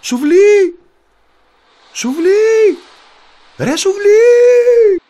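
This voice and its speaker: A man's voice: on the high side, huge pitch swings, slightly rough, pitched above the performer's own voice, full character voice. Man doing an eager young fisher boy. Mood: shouting. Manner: eager, calling out.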